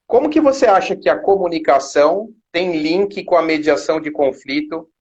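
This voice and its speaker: A Brazilian man hosting a live interview, asking long, smoothly framed questions over a video call. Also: a little high, expressive, normal speed, darkish tone, muffled recording. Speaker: host.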